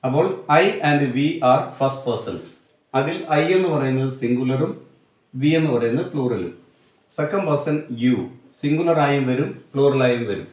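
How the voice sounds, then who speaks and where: A man with a Malayali accent teaches an English grammar lesson, spelling out terms at a very slow, deliberate pace. His voice sits in a middle pitch. The recording is echoey and a little dull, like a small room captured on basic gear. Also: darkish tone.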